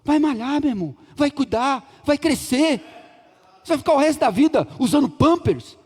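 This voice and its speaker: A man's voice: extremely high pitch, animated, moderate pace. A middle-aged Brazilian man preaching in a large church, joking and acting out dialogue as he tells stories. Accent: Brazilian Portuguese. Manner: humorous, chatty, acts out dialogue. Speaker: pastor. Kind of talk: sermon with storytelling. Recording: reverberant church hall.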